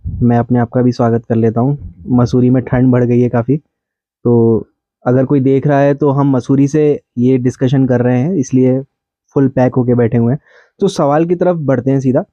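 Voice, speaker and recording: A man's voice: medium pitch, dry recording, lo-fi sound. A man hosting a podcast conversation, chatting casually as he builds a long question for his guest. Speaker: podcast interviewer. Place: cold hill town, bundled up.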